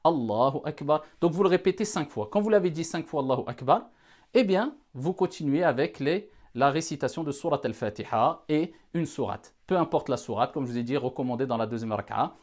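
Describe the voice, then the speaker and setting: A man's voice: on the high side, fairly quick, darkish tone. A man giving a careful religious lesson, addressing the audience formally and repeating key points to stress them. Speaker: religious teacher.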